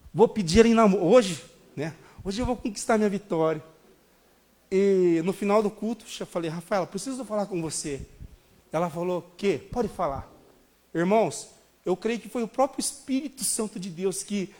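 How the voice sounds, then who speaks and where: A Brazilian man in his thirties preaching a sermon, telling a personal story in an animated way and calling the congregation brothers. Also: high-pitched. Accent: Brazilian Portuguese. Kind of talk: sermon testimony.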